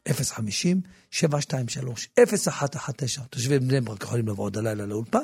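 A religious teacher delivers an impassioned talk that includes promoting a book, his gravelly, husky voice sinking to a low murmur before surging into loud, emphatic bursts. He often restarts and repeats words. The studio recording is dry and close with no echo, and faint music plays underneath.

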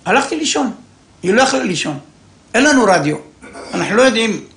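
An older man tells a comic personal story in an animated way, acting out the voices of the people in it. His voice is fairly high and gravelly. The room gives it a roomy echo. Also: slight background noise. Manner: animated, acts out voices, chuckles.

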